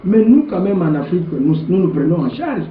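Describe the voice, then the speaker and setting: A high-pitched, very animated and slightly fast voice belongs to a Congolese political leader from the Democratic Republic of the Congo. He answers an interviewer with emphasis and repetition in a Congolese accent. The sound is echoey and muffled, with faint noise.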